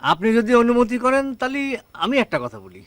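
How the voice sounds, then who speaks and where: An actor playing a reformed club president who speaks politely and formally, like giving a little speech. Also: male voice, extremely high pitch, sing-song, fairly quick, fairly bright tone, no echo, exaggerated voice. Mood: earnest, polite. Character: earnest reformed young man, club president.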